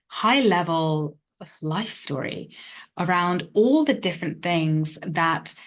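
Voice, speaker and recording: A woman in her thirties, a relationship coach, telling her life story in a reflective way full of fillers. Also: low-pitched. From England. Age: 30s. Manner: reflective, hedging with many fillers. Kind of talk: personal story monologue.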